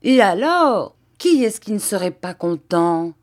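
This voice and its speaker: A woman reading an audiobook who voices a cruel man who beats children, speaking in a soft, mocking, menacing tone. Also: mid-range voice, big pitch swings, measured pace. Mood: sly mocking.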